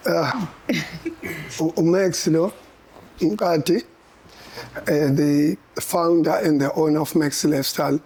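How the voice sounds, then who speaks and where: Older man, South African accent, founder, slow, halting, husky. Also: fairly high pitch, fairly even intonation, darkish tone. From Umlazi, South Africa. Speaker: company founder and chairman.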